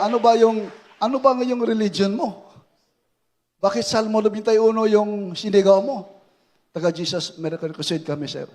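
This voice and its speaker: A man with a Filipino accent preaching a testimony sermon, moving from quiet prayerful retelling to shouted praise. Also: high-pitched. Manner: swings from hushed prayerful retelling to shouted exclamations. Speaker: preacher giving a soldier's testimony.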